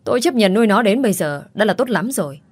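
A woman's voice: medium pitch, expressive, quick pace, a little mellow, no room sound, natural voice. A woman voicing a furious, spiteful middle-aged stepmother who screams insults, in a storybook reading. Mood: enraged.

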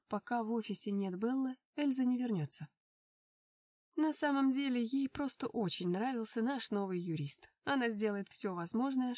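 A woman reading a first-person romance novel aloud with steady, even storytelling. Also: a little high, dry recording, recorded from a distance. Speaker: audiobook narrator.

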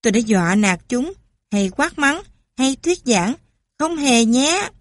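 A woman's voice: fairly high pitch, big pitch swings, a little slow. A woman voicing a cheerful mother who tells stories theatrically. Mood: animated.

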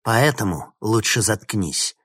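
A man's voice: fairly low pitch, lively intonation, slow pace, a bit bright, husky, dry recording, clean studio sound, pitched above the performer's own voice, heavily acted. A male narrator voicing a bitter, vengeful young woman villain with a sneering, spiteful manner.

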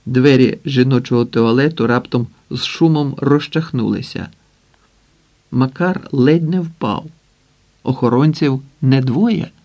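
A man reading a novel aloud as audiobook narrator, with measured, dramatic pacing. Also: mid-range voice, dark tone.

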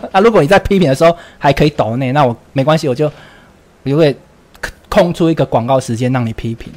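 A man's voice: a little high, quick pace, a little mellow. A man with a Taiwanese Mandarin accent hosting a casual livestream chat, blunt and ranting, swearing freely while answering viewers' comments. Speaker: livestream host.

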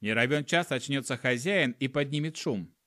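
A man's voice: mid-range voice, moderate pace, sharp tone, no echo, studio quality. A man narrating a humorous first-person audiobook in a wry storytelling manner. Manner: wry storytelling with acted dialogue.

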